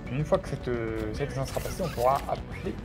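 A man in casual gameplay commentary, calmly explaining game mechanics to a partner. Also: medium pitch, fast talker. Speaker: co-host explaining a video game. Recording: game music underneath.

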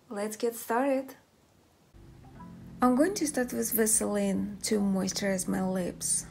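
Speaking in a medium-pitched, slightly mellow voice, this young beauty vlogger walks viewers through a makeup tutorial. She is a young adult woman whose native language is Russian, and she has a Russian accent. Music plays in the background.

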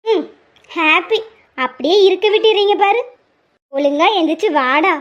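A woman's voice: very high voice, lively intonation, normal speed, fairly bright tone, muffled recording. A woman voicing cartoon characters in a bossy, scolding way. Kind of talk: cartoon story voice acting.

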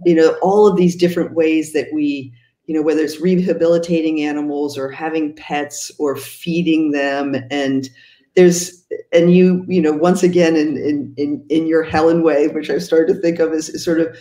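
A woman's voice: deep voice, steady tone, dark tone. Woman interviewer in an echoey room. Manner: halting, repeats words while framing questions. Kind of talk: conversational interview. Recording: roomy echo.

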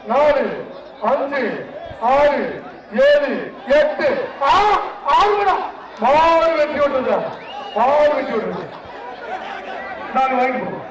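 High-voiced man announcing through a megaphone. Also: distant mic, dull audio, background noise. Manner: shouting repeated cheers, urging and counting the riders. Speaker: bullfight announcer. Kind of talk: live event commentary over a PA. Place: outdoor arena. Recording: echoey loudspeaker audio from afar, loud crowd. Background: loud cheering crowd.

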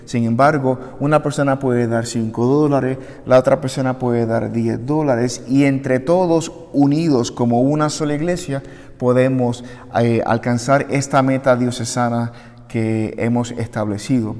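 Standing at a lectern in a small wood-panelled chapel, this deacon and seminarian from Puerto Rico, a man in his thirties, makes an earnest, prepared appeal to the congregation. He speaks at medium pitch with fairly even intonation, a measured pace and a slightly mellow tone. Hard walls fill the audio with long, echoey reverb.

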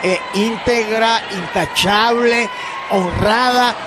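Very high-pitched Puerto Rican male wrestling commentator. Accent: Puerto Rican Spanish. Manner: emphatic, drawn-out exclamations and repetition. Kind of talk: animated, partisan wrestling commentary. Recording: noisy arena with crowd behind. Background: crowd noise.

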